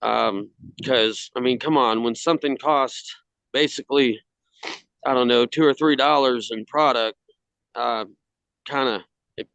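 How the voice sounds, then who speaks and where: A man on a video call from outdoors in the cold, casually presenting his hobby work in a halting way. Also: medium pitch, creaky, a bit bright, clean tone, dry recording. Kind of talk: casual slideshow talk. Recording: slightly dull video-call audio.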